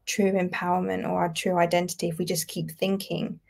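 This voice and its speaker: A woman's voice: on the low side, little pitch movement, brisk, creaky, a little mellow. A British woman in her twenties, a writer and podcast guest, speaking thoughtfully in a casual conversation. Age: 20s.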